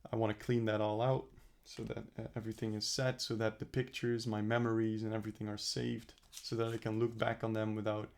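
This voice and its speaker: A young man records a casual personal vlog, speaking earnestly to the camera about his plans. His voice is gravelly with a lot of fry, and he keeps his pitch fairly level. He rambles, restarts and corrects himself as he thinks aloud. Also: flat delivery, fairly quick, few pauses, a little mellow. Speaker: vlogger. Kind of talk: casual self-reflective vlog.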